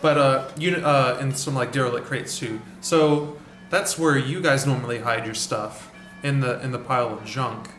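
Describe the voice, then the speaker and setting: A man's voice: mid-range voice, steady tone, normal speed, fairly bright tone, roomy sound, soft background music. A man narrating a tabletop game as game master, rambling with many fillers and restarts.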